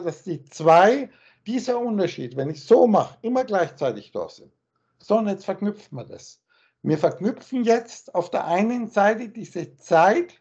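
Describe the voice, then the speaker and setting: A man on a video call, explaining spiritual texts in a rambling, circling way, repeating words and slowing down to stress single ones. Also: high voice, a little mellow, slightly rough. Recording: muffled call audio.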